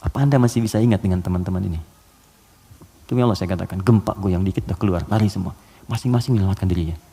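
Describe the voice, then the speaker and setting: Fast animated preacher man in a hall. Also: deep voice, breathy edge. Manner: animated, acts out quoted voices, asks the audience questions. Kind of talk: lively Islamic sermon. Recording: long reverb of a hall.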